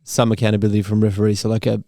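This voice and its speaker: A man's voice: fairly low pitch, flat delivery, racing, mellow, dry recording. An Australian man co-hosting a casual football podcast, blunt and slangy, on a close studio mic. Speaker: podcast co-host.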